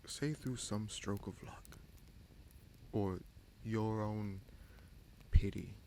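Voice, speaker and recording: A man performs a dramatic fantasy audio roleplay aimed at the listener, voicing a bitter, scheming bastard prince who commands a captive dragon. His low, gravelly, mellow voice sounds brooding and distrustful, menacing and sardonic, deliberate with dramatic pauses and sighs. There's slight background noise.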